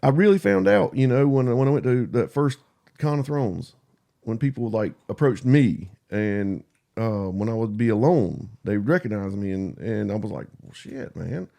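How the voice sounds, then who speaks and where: A man with a country drawl talks candidly and casually, halting and repeating himself, putting himself down and swearing easily. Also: fairly low pitch, warm tone. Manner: halting and repetitive, self-deprecating, swears casually. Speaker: podcast guest and YouTube creator.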